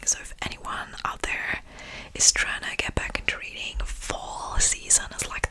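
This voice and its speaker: A woman whispering a casual, meandering ASMR ramble in a crisp, breathy voice, very close to the microphone. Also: bright, forceful tone, poor audio. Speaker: ASMR creator. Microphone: close-up ear-to-ear stereo microphone.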